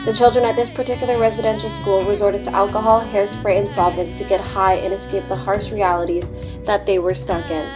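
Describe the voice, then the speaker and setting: A young woman reads a documentary script in an earnest, steady way. Her voice sits at an ordinary pitch, and a clear music bed runs under it. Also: fairly quick. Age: young adult. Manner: earnest, read-aloud delivery. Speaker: student narrator.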